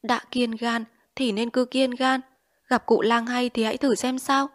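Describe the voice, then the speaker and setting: A woman's voice: on the high side, flat delivery, a little slow, dry recording, studio quality, pitched above the performer's own voice, close to an everyday voice. A woman reading an audiobook, voicing the anxious wife of an addict who calls out urgently. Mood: weary. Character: worried young wife of an addict.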